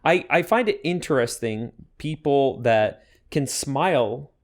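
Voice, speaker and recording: A man's voice: medium pitch, animated, unhurried. A man co-hosting a podcast, talking earnestly and intensely in casual chat about choir teaching. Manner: earnest, intense, self-aware. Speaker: podcast co-host.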